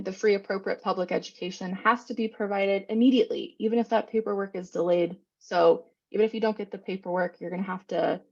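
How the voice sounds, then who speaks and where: Gravelly woman explaining fast. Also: medium pitch, darkish tone, muffled recording. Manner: quick, informal explaining with many fillers. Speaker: presenter on special education law. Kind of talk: online training presentation.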